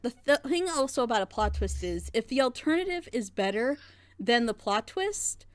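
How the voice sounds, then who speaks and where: A woman with a sing-song voice on the high side speaks at a moderate pace, critically breaking down a plot twist on a group reaction show. Rhetorical questions drive her analytical argument in the animated chat. No echo is audible.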